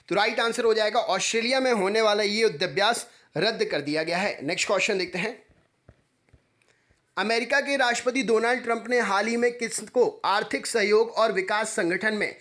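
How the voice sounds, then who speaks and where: A man with a high, light voice reads exam quiz questions one after another, each time in the same brisk pattern. He sounds like a coaching teacher recording a voice-over close to the mic. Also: pushed and bright. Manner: brisk, repetitive quiz phrasing.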